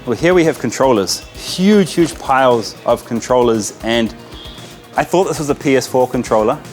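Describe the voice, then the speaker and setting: A man's voice: mid-range voice, animated, normal speed, soft background music. An enthusiastic, chatty man from New Zealand vlogging casually on location, mixing in Urdu greetings and interjections. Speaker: vlogger, host. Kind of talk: casual on-location vlog commentary. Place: inside small game shops in a Pakistani market.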